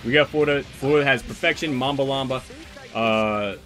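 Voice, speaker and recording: A man's voice: medium pitch, brisk, a bit bright, soft background music. A man giving loose, rambling commentary on a gaming stream, swearing freely as he organizes a tournament.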